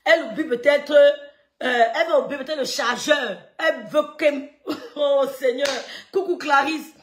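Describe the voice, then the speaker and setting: A woman telling a story on a live stream, animated and emphatic, laughing often and greeting viewers. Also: sits high, unhurried, roomy sound, a little hiss or hum.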